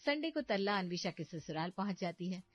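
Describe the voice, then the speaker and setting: A woman storyteller giving scripted narration of a family story in an even, matter-of-fact way. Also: fairly low pitch, a little fast, highs cut off.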